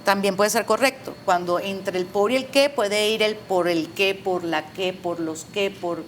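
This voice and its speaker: A woman's voice: medium pitch, measured pace. A middle-aged woman, a Spanish teacher, patiently explaining spelling rules with examples in an interview. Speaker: Spanish teacher and proofreader, guest. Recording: faint background noise.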